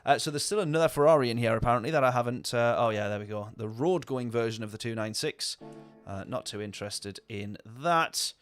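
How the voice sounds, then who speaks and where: A man's voice: medium pitch, a little fast, few pauses, soft background music. A man talking casually over a racing game stream, rambling and answering viewer chat. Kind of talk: casual gameplay commentary.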